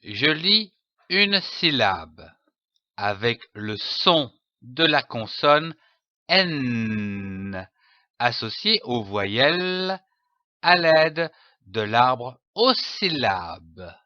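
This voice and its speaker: A man with a French accent gives a reading lesson for young children, spelling out each letter and then the syllable it makes. He speaks extremely slowly, and his bright, clear voice rises and falls with lively pitch. The recording is dry and close, with a slightly dull, muffled tone. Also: no room sound. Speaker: teacher.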